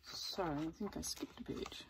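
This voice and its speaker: A woman reading a children's picture book aloud as a teacher's circle-time video, pausing for little asides to her viewers. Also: low voice, background noise. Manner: gentle, lively, with asides to viewers. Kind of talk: storybook read-aloud for children.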